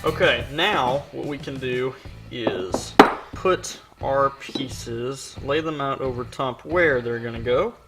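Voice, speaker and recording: A man's voice: mid-range voice, slow pace, loud music behind the voice, rough recording. A man explaining a metal build in his workshop in a casual, chatty way, joking at his own expense. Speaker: maker and video host. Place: home workshop, not soundproof.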